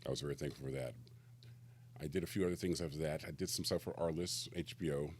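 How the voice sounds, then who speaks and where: A man with an extremely low, husky voice chats easily as a guest on a podcast. He talks at a brisk clip, telling stories about his career in a relaxed way. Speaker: guest actor. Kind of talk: casual interview chat. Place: podcast studio.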